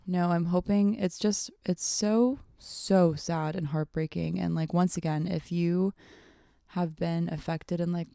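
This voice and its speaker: A young adult woman, hungover, chatting casually on her solo podcast in a halting, rambling way that often trails off, with vocal fry. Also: fairly low pitch, fairly even intonation, mellow, no room sound, studio quality. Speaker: podcast host.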